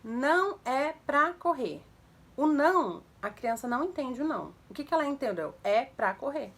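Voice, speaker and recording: A young woman casually giving parenting advice to viewers, animated, acting out commands in a raised voice. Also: high-pitched, brisk. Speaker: mother sharing parenting tips.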